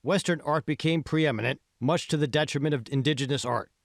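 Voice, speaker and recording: A man voices a smug, self-assured tech billionaire who is an art patron, in audiobook dialogue where he explains things and presses his point. His tone is smooth and confident, pitched a little high, above his natural voice, with a brisk pace and some vocal fry. The recording is dry and clean, with a studio sound.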